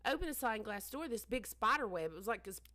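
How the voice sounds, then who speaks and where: A woman's voice: a little high, animated, quick pace, pushed and bright, dry recording. A woman co-hosting a podcast, telling a story in a casual, rambling way that keeps doubling back on itself. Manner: rambling, self-interrupting, trails off. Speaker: podcast co-host. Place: basement room used as bar and storage.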